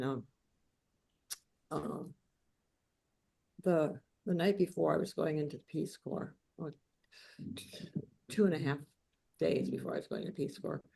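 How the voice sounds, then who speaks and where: A woman author giving a lecture, telling a personal story in a halting way with many fillers and restarts. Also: low-pitched, gravelly, a little mellow.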